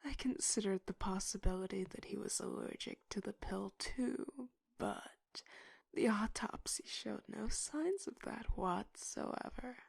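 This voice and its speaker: A woman playing a stern, condescending tough-cop detective in an interrogation, in a whispered role-play with a breathy voice and slow, intimidating delivery. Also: mid-range voice, no room sound, studio quality, full character voice. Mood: dismissive, matter-of-fact.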